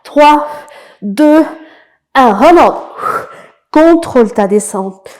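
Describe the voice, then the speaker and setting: A woman coaching an ab workout, her voice sitting a little high. She talks in an unhurried way, giving short cues and counting reps with encouragement. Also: lively intonation, a little mellow. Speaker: fitness coach. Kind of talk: guided workout instruction.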